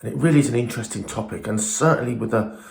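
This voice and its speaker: A man's voice: medium pitch, racing, creaky, echoey room, slight background noise. A man giving an informal, emphatic and opinionated talk to camera as a falconer presenting his own video, often throwing in rhetorical questions.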